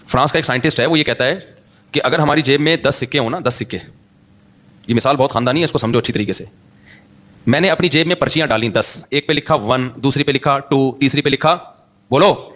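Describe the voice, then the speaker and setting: A man giving an Islamic sermon, talking in a chatty, animated way, slipping in English words and reciting Quran verses in Arabic. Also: a little high. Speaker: Islamic preacher.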